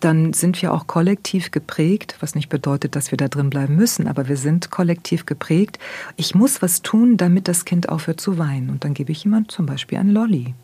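A woman therapist talking thoughtfully in a soft, often half-whispered, unhurried manner. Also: sits low, husky. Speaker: therapist guest. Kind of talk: reflective conversation.

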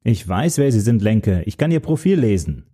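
A man's voice: on the low side, big pitch swings, moderate pace, dark tone, husky. A man voicing a cocky young male firefighter who talks breezy and teasing in a storybook.

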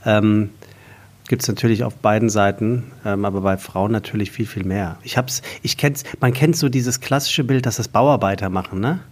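A man's voice: fairly low pitch, moderate pace. Chatty man with hesitant fillers. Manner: provocative, hesitant with many fillers. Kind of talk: casual podcast chat.

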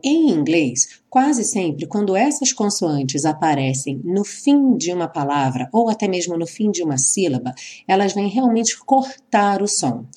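Woman, English teacher, slow and careful delivery, lively lower voice. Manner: slow, careful, drawn-out model sentences. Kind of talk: explaining English for Portuguese speakers.

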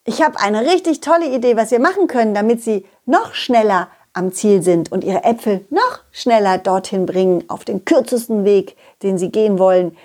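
A woman's voice: mid-range voice, expressive, moderate pace, hardly any pauses, darkish tone. A woman telling a children's story in a playful, coaxing way.

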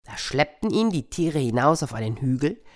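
A woman telling a fable to children, lively and speaking to her listeners directly. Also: rumbling low, moderate pace. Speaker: storyteller. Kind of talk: fairy tale told to children.

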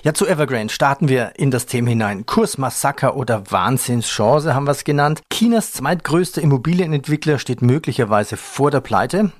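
A man moderating a finance podcast interview, brisk and lightly joking. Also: medium pitch, animated, no room sound, studio quality.

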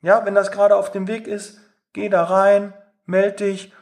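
Brief: man, sales coach, high voice, direct and emphatic, acts out dialogue. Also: monotone, a little slow. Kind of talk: motivational talk on sales.

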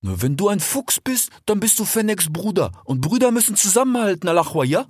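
Man doing a husky, sing-song desert fox hustler, buddy-buddy and persuasive; lively up-and-down delivery. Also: sits high, a little fast, no echo, studio quality, full character voice. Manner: chatty, keeps tagging "ja?" and "ich schwör". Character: smooth-talking male desert fox, chummy and persuasive. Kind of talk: audiobook character voice.

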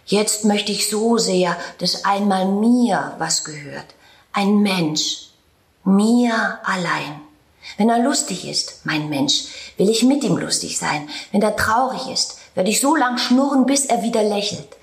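A woman's voice: medium pitch, lively intonation, takes it slowly, pitched above the performer's own voice. Woman voicing a lonely old tomcat. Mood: yearning. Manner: gentle, wistful and pleading. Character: shabby lonely aging male school tomcat. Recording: roomy echo.

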